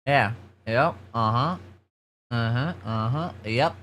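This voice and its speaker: A streamer chatting casually on a livestream in an animated, sweary manner. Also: medium pitch, slow pace. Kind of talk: casual livestream chat and gaming commentary.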